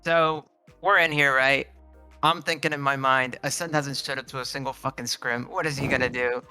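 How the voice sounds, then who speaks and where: A man, a player interviewed over voice chat after the match, joking loudly and swearing. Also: medium pitch, steady tone, normal speed, soft background music. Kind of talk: casual post-match interview.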